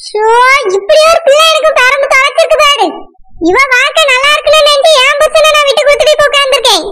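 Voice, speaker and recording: Scheming village mother voiced by a woman, Tirunelveli Tamil accent, nagging cartoon voice, very high, bright. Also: fast talker. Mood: scolding. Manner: scolding, nagging. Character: scheming middle-aged village mother, sharp-tongued. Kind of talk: cartoon voice acting.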